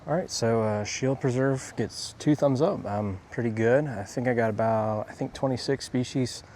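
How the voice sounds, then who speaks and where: A man narrating a casual walk-and-talk nature vlog outdoors, relaxed and rambling with many ums. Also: medium pitch, normal speed, slight background noise. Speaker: nature photographer vlogger.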